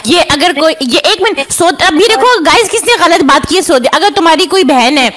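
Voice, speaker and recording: Pakistani woman, high voice, bickering on a live stream, keeps cutting in and needling. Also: lively intonation, moderate pace, a bit bright. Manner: argumentative, needling, talks over the other. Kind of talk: heated live-stream argument.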